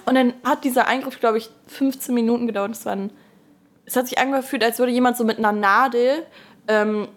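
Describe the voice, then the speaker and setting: A young woman, co-hosting a casual chat podcast and telling stories in a lively, chatty way, acting out quotes and laughing often. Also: fairly high pitch, fairly quick. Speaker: podcast co-host.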